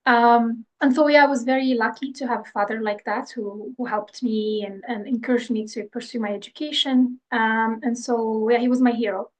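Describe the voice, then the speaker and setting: A woman's voice: on the high side, steady tone, moderate pace, hardly any pauses, rough recording. A woman from Morocco in her thirties, a scientist speaking as a podcast guest, talking thoughtfully with frequent fillers and restarts. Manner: hesitant, many restarts and fillers. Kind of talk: conversational interview.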